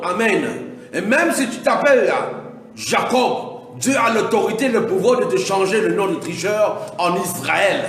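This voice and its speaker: A man preaching a Pentecostal sermon, repeating himself and punctuating his lines with alleluia, now and then building to shouts. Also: extremely high pitch, creaky. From Mauritius. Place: large church hall. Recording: echoey hall from far off, faint music.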